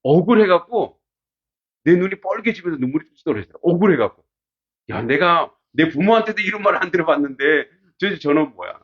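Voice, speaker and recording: Husky-voiced pastor lecturing, lively delivery. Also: male voice, a little high, fast, hardly any pauses, lo-fi sound. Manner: animated storytelling, frequent rhetorical questions. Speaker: pastor teaching classics. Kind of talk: casual classroom lecture.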